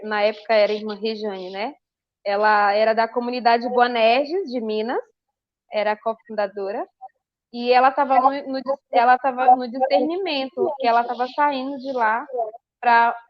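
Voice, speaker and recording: A woman, a religious sister, giving a lively personal testimony on a podcast and acting out her own past dialogue. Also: a little high, dry recording, muffled recording.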